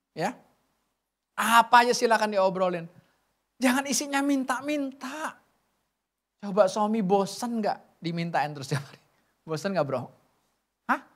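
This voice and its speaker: A middle-aged woman preaching a sermon at a church service, chatty and joking, with many rhetorical questions. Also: a little high.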